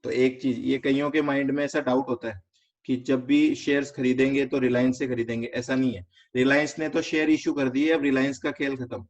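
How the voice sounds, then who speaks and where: A man with an Indian accent teaching a finance lesson step by step, quizzing students and mixing in English terms. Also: medium pitch. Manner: explains step by step, asks students quick check questions; mixes English terms into explanation. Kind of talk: online class lecture. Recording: slightly dull lo-fi recording.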